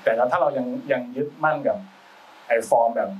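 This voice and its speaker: A man's voice: mid-range voice, lively intonation, a little fast. A man who works as a film sound designer, talking casually as a guest in loose, chatty speech full of restarts and slang. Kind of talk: casual talk-show conversation. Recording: voice a bit far from the mic, faint background noise.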